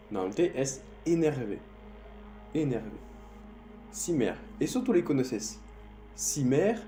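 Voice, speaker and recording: In a room with noticeable echo and faint background music, a male French teacher leads a lesson on Spanish slang vocabulary. His Spanish is non-native, his voice medium-pitched and mellow, and he says words slowly over and over to drill them.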